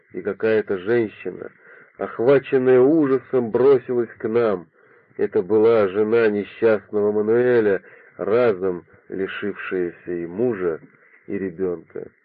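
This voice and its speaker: A man's voice: on the low side, no echo. A man narrating a literary audiobook, on a dry, phone-like recording. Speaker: audiobook reader. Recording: dry, phone-like narrow sound.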